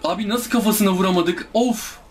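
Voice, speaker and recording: A young man talks his way through a tough game, groaning, complaining and pleading with the enemies. His voice sits a little high for a man. A faint hiss of noise runs under the recording. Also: normal speed. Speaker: gameplay streamer. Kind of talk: live gameplay commentary.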